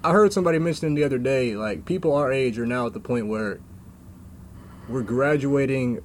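A young man in casual conversation, making his points in a measured, thoughtful way. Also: medium pitch, slight background noise. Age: young adult. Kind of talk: casual chat.

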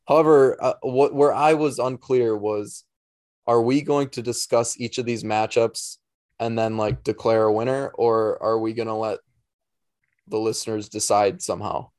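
A man's voice: medium pitch, fairly even intonation, normal speed, a little mellow, dry recording, clean studio sound. A man co-hosting a casual podcast, easygoing and hesitant, often restarting his sentences. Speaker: podcast co-host.

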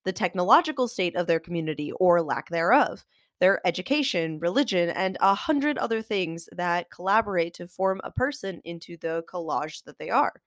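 A woman who writes fiction hosts a show about it, delivering a scripted, articulate lesson straight to listeners. She's getting over a cold, so her lowish, expressive voice sounds nasal and congested, at a moderate pace. The recording is clean studio sound with no room tone.

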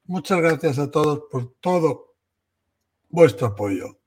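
Man co-hosting with a reassuring, slightly high voice. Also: lively intonation, takes it slowly, slightly rough. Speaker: medium and co-host. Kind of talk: casual explanatory talk.

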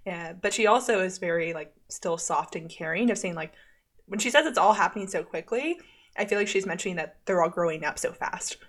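A woman's voice: lowish voice, expressive, brisk. A woman co-hosting a podcast, chatting casually about a TV episode, with many "like" fillers and frequent laughs. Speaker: podcast co-host. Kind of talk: casual chat recapping a TV episode.

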